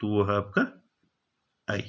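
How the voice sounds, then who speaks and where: A man's voice: lowish voice, completely flat delivery, takes it slowly, a bit bright, smooth. A man teaching an exam-prep grammar lesson, reading each question, repeating it and giving the answer, with frequent "okay" fillers. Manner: repeats each question, fills with "thik hai". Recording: dull, lo-fi sound.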